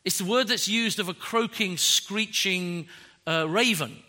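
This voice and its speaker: A man preaching a sermon in an animated, joking way that is often broken by laughs. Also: high voice, a little slow, long reverb tail.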